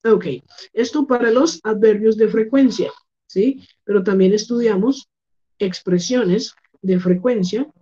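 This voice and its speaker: A woman teaching English online in Spanish, explaining slowly and repeating words for pronunciation, with a Colombian accent. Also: mid-range voice, warm tone, highs cut off, slight background noise. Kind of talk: online class lesson.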